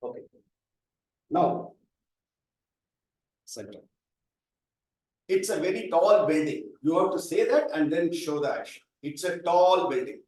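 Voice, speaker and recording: A man's voice: on the high side, expressive, unhurried, pauses often, darkish tone. A man, presenting a speaking workshop and patiently calling up volunteers. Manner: explains patiently, calls up volunteers. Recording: echoey hall, mic from far off.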